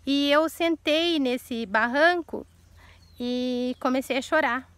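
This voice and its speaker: A woman in her thirties with a high voice tells a personal testimony, earnest and direct with her listeners. She repeats key words to stress them. The sound is close and dry. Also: slow pace, fairly bright tone, clean tone, dry recording. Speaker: vlogger telling a personal testimony.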